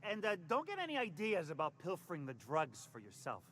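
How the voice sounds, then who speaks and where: Shifty fast-talking con man from a game, wheedly and stammery, bouncy sing-song voice. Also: a little high, wildly swooping pitch, a bit bright, slight background noise. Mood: flustered. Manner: stammering, wheedling salesman patter. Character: slippery fast-talking male hustler, nervous and evasive. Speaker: game character.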